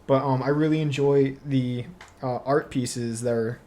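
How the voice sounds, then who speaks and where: A man co-hosting a podcast, chatting casually about movies, relaxed and quick to laugh. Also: medium pitch. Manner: relaxed, laughs often, lots of fillers. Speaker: podcast co-host. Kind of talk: casual movie review chat.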